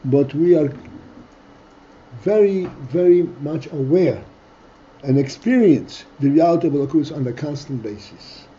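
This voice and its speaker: A man teaching a text study class, reading Hebrew phrases aloud and explaining them slowly in English, stopping now and then to clear his throat. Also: on the high side, lively intonation, mellow, dull audio, slight background noise.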